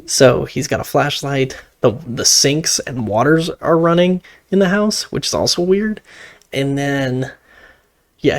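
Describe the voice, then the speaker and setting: A man casually recapping a horror film, rambling and excitable, with laughs and swearing. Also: medium pitch, gravelly.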